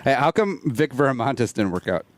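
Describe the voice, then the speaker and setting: Lively male sports radio host. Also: medium pitch, moderate pace, no room sound. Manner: joking, sarcastic. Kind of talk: casual sports talk.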